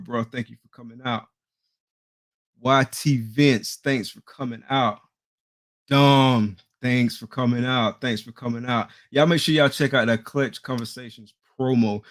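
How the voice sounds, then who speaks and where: Slangy male host shouting out the chat. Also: medium pitch, steady tone, unhurried. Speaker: podcast host. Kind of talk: live-stream show hosting.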